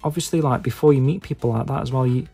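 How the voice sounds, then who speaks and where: A man from England speaks in a Stoke-on-Trent accent with a dark, relaxed tone at a middling pitch. He rambles casually to his viewers, hesitant and self-deprecating, padding his thoughts with filler phrases. Music plays behind him. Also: quick pace, creaky, slightly rough. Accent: Stoke-on-Trent English. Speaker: YouTube video maker and podcaster.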